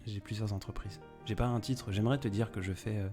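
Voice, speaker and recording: A man's voice: on the low side, steady tone, brisk, music in the background. A young man hosting a live stream, chatting casually and rambling as he answers viewers by name. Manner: rambling, improvised, talks straight to viewers by name. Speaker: poet and live-stream host.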